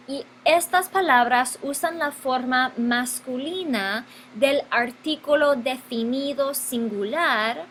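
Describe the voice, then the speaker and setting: Brief: woman teacher, bright and fairly high voice, slow and deliberate grammar lesson. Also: slight background noise, low-quality recording. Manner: slow, deliberate, stretches key words and repeats them. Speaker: Spanish teacher.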